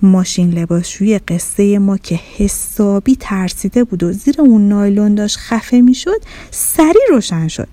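A woman narrating a children's story in an expressive, animated storytelling manner, recorded close on a studio mic. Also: medium pitch, no room sound.

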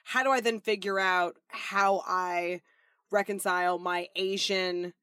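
A woman's voice: lowish voice, steady tone, unhurried, fairly bright tone, smooth, dry recording, clean studio sound. A woman co-hosting a podcast, responding in a thoughtful, affirming way. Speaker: podcast co-host. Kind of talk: casual conversational podcast.

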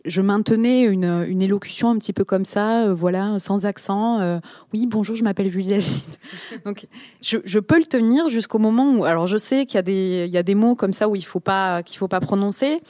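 A woman's voice: medium pitch, a little fast, few pauses, no echo, studio quality. A woman with a southern French accent from Toulouse, a podcast creator sharing candid personal stories as an interview guest. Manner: candid, animated storytelling.

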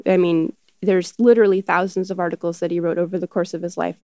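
A woman's voice: on the low side, steady tone, fast talker, a little mellow, dry recording, clean studio sound. A woman speaking as an expert interviewee, explaining history in a conversational way.

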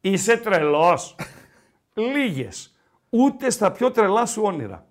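A man hosting a podcast, talking sport in a casual, joking, animated way. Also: high-pitched. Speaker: podcast host.

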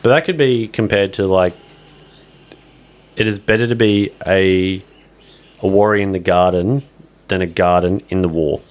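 Low-voiced earnest man. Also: normal speed, long pauses. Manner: earnest, shares quotes and sayings. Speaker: podcast co-host. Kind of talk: casual chat.

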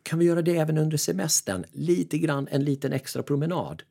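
A man who works as a mental coach, giving casual advice in a lively, self-mocking way and acting out his own inner voices. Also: fairly high pitch, creaky, breathy edge.

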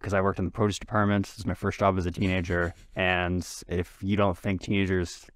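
A man co-hosting a casual podcast, talking quickly and tripping over his words as he rambles. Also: low voice, flat delivery, no echo, clean studio sound. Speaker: podcast co-host. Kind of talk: casual chat.

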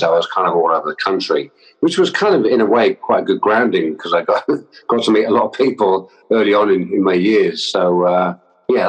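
A man, a fashion stylist from London, talks about his upbringing as a podcast guest, relaxed, laughing often and stumbling over restarts. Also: deep voice, low-quality recording. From London, with schooling in Wales. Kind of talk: casual interview chat.

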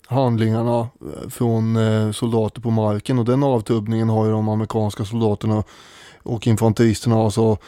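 A man's voice: fairly low pitch, level tone, dark tone, dry recording, studio quality. A man co-hosting a casual history podcast, thoughtful and hesitant, with frequent fillers as he talks. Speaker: podcast co-host.

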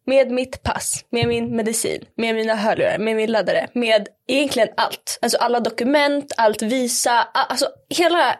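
A young woman chatting casually on a podcast, telling a story with lots of fillers and acted-out quotes. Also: a little high. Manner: animated storyteller, acts out quotes in English. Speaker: podcast guest.

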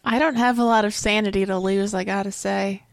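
A woman's voice: medium pitch, steady tone, fairly quick, gravelly. A woman playing a tabletop game, making wry teasing remarks. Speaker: player. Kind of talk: casual tabletop game chat.

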